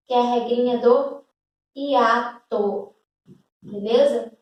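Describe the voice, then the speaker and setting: A woman teacher explains a grammar rule to schoolchildren one step at a time. She checks in often to make sure they follow. Her fairly high voice sits back from the mic in a strongly echoing room. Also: distant mic. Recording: echoey room, away from the mic.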